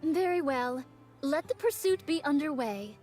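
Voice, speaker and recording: A woman's voice: high voice, animated, unhurried, a little mellow, soft background music. Courtly old-fashioned swordswoman. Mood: stately. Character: archaic-speaking swordswoman, eager for duels. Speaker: game character. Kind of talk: game voice acting.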